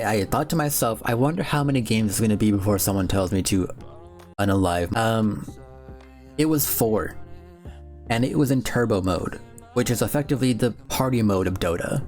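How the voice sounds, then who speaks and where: A man's voice: lowish voice, moderate pace, a little mellow. A man giving casual, off-the-cuff reaction commentary as a streamer, rambling conversationally with music in the background. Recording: music behind the voice.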